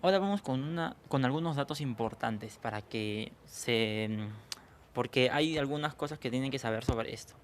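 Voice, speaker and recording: A man talks through a lesson in a patient, explanatory way, pausing to ask his students whether they follow. His voice sits at an ordinary middle pitch. A faint background hiss is heard under the recording. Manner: explanatory, checks understanding with frequent questions. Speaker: teacher. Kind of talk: online language lesson.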